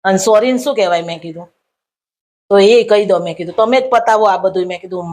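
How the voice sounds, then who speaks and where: A woman's voice: mid-range voice, brisk, a little hiss or hum. A woman telling a comic story, acting out the dialogue as she goes. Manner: animated, acts out dialogue in her anecdotes. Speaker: comedian storyteller.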